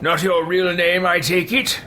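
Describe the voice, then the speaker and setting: A man's voice: high-pitched, little pitch movement, unhurried, noisy background. A man voicing an arrogant, power-hungry apprentice mage in a fantasy game role-play, pompous and theatrical. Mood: haughty.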